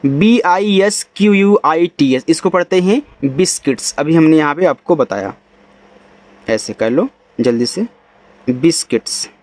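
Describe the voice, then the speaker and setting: A man's voice: fairly high pitch, expressive, a little slow, a little mellow. A man with an Indian accent teaching English reading, spelling each word letter by letter and then sounding it out. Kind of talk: reading lesson in Hindi.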